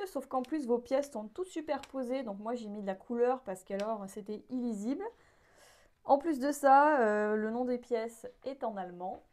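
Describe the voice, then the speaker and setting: A woman's voice: a little high, darkish tone. A woman hosting a sewing vlog, talking casually and candidly with frequent hesitations as she gives a critical review. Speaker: sewing channel host.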